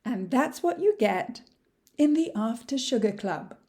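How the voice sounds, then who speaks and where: A podcast host from Quebec, a native French speaker, talks upbeat and straight to her listeners during an interview and promotional outro. Her voice is a little high and a little mellow, measured in pace, with big pitch swings.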